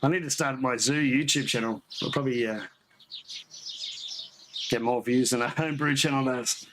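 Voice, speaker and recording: A man's voice: mid-range voice, moderate pace. A man hosting a casual homebrew live chat, rambling and laughing as he signs off. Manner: rambling, chatty, laughs often. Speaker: homebrew channel host. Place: at home, near the garage, partly outdoors. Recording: noisy outdoor audio with birdsong.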